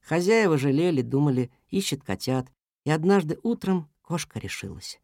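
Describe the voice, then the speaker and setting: A narrator reading a children's story aloud in an even, gentle manner. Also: mid-range voice, normal speed, dry recording, clean studio sound.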